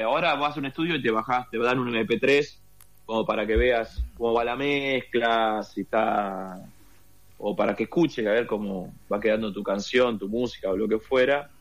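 As a guest in a laid-back interview, this Argentine man tells a long, meandering story in Rioplatense Spanish with plenty of fillers. He speaks at a medium pitch, and the audio sounds dull.

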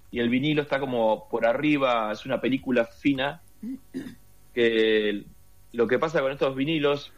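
A man's voice: medium pitch, highs cut off. An Argentine man with a Rioplatense accent, telling a long story as an interview guest with lots of fillers. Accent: Rioplatense Spanish. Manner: rambling storyteller with many fillers. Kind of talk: casual interview conversation.

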